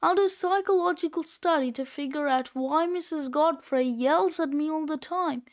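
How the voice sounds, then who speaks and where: A woman's voice: high voice, normal speed, close to an everyday voice. A woman reading aloud, voicing a cocky, wisecracking sixth-grade boy. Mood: smug. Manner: smug, wisecracking.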